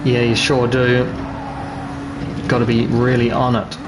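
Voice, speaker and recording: Streamer type: New Zealand man, easygoing drawl, headset mic with steady background hum. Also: mid-range voice, a little slow. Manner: relaxed, chatty, reads out chat names. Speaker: sim racing streamer. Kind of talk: live gameplay commentary. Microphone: gaming headset.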